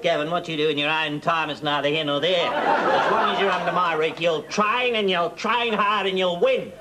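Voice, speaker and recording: A man's voice: high voice, pushed and bright. A man playing a blustering, patriotic Australian father who lectures his son about winning, in a TV comedy sketch. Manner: ranting, lecturing, hectoring.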